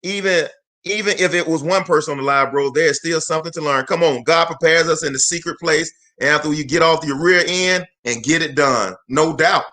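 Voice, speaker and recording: A man's voice: on the high side, a little fast, sharp tone. A man in his forties giving a fervent live motivational talk in a preacher-like cadence, repeating phrases for emphasis and calling out to viewers. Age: 40s. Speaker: motivational speaker and host.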